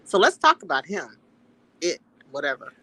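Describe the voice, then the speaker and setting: A woman chatting as a guest on a political talk show, animated and emphatic, repeating her phrases. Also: fairly low pitch, normal speed, breathy edge. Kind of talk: casual political chat.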